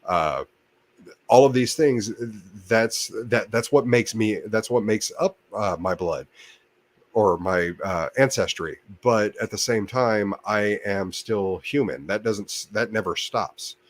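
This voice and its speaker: A man's voice: lowish voice, takes it slowly. A man hosting his own channel, talking casually on a livestream in a rambling way with many restarts and fillers. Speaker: channel host. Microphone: desk mic by a computer monitor.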